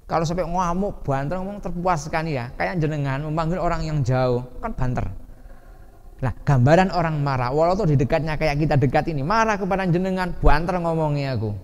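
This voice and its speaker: Javanese-accented preacher in an echoey hall. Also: male voice, a little high. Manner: lively, asks the audience questions, acts out shouting. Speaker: ustadz teaching a hadith class. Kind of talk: Islamic study sermon. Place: boarding school study hall. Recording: reverberant hall with faint ambience.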